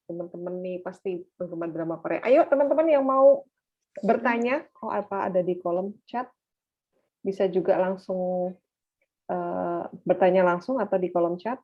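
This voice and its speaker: A woman's voice: on the low side, normal speed. A woman with an Indonesian accent moderating a webinar informally, dropping in English phrases. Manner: mixes English phrases into speech. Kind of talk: chatty, informal hosting. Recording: dull, lo-fi online call.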